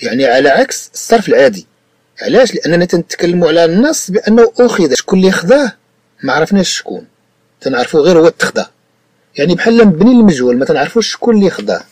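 Man, Moroccan Arabic accent, tutor, fairly high lively voice, repeats and checks understanding. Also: racing, dry recording. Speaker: French teacher. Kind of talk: explanatory tutoring lesson.

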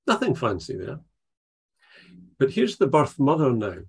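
An older Scottish poet with a Dundee Scots accent leads a writing workshop over a video call from his attic room, picked up by his laptop camera. His gravelly, slightly husky voice sits at medium pitch but swoops wildly, and he is thoughtful and unhurried, pausing and restarting as he searches for words.

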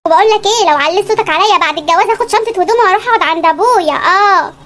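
A demanding young Egyptian woman from a comedy cartoon, nagging and refusing everything. Her voice is extremely high and sped-up, with a noisy hiss under the audio. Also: racing. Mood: stubborn. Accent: Egyptian Arabic. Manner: nagging, stubborn, shrill when pleading. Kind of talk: animated comedy sketch.

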